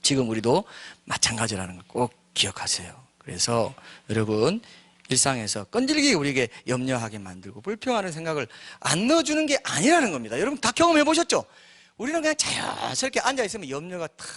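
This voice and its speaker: Animated, joking male pastor. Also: fairly high pitch, fast. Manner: animated, joking, acts out voices. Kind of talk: sermon.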